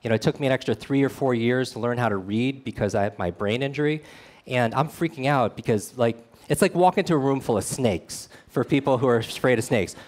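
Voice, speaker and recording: A man giving a motivational storytelling talk at a meetup, earnest and speaking straight to the audience. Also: mid-range voice.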